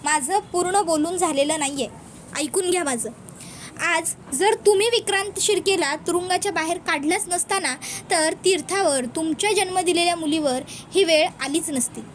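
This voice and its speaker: A woman's voice: very high-pitched, moderate pace, slight background noise. A woman voicing a stern young female lawyer who lectures her father-in-law firmly and insistently.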